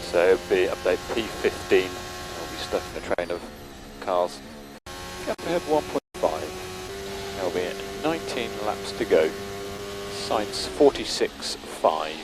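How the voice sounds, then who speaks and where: Low-voiced male race engineer on noisy radio. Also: sing-song, unhurried. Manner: clipped, matter-of-fact. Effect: team radio transmission. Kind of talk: terse race radio updates. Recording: noisy team radio with car noise.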